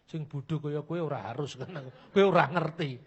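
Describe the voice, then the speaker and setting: A man giving a lively religious talk, blunt and mocking, acting out the people in his stories. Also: a little high, fairly quick, breathy edge, muffled recording. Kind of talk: lively lecture with anecdotes.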